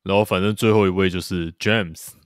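Speaking at a normal pace with a deep voice and steady tone, a man co-hosts a podcast and chats casually about a TV series. He rambles loosely, using many fillers and agreeing repeatedly. The recording is studio quality with no room sound.

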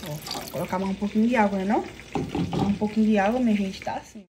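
A woman's voice: mid-range voice, steady tone, fast, warm tone, slight background noise. A young woman from Brazil, chatting casually to viewers while cooking lunch in her home kitchen, filmed on a phone at arm's length. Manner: chatty, addresses viewers as "gente". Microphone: phone held at arm's length.

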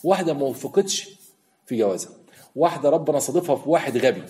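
An Egyptian man telling a story as a show host, firing off quick, indignant rhetorical questions. His voice is dark and mellow, and he talks at a brisk clip. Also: medium pitch, expressive, slight background noise. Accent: Egyptian Arabic. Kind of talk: storytelling commentary.

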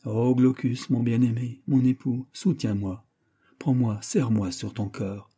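A fainting young woman begs her beloved to hold her, as a male narrator reads her lines. The voice is dark and mellow, slightly husky, with little change from the reader's own tone. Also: mid-range voice, fairly even intonation, unhurried. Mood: pleading, faint. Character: young woman, exhausted lover, pleading.

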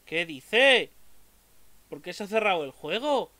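A young man from Spain with a Spanish accent, streaming a game and talking through it, excitable and swearing often. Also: sits high, a little slow. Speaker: gameplay streamer. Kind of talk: let's play commentary. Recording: game music playing behind.

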